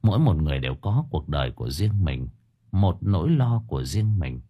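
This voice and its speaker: A man reading a story aloud as an audiobook narrator in expressive, scripted narration. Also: deep voice, a little fast, breathy edge, phone-quality sound.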